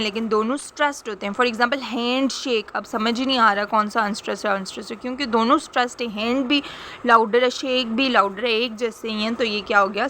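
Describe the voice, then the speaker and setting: A young woman with a fairly bright, higher-pitched voice is teaching a lesson in Hindi-Urdu sprinkled with English terms. She explains patiently, repeats her points, and checks that her listeners understand. There is slight background noise.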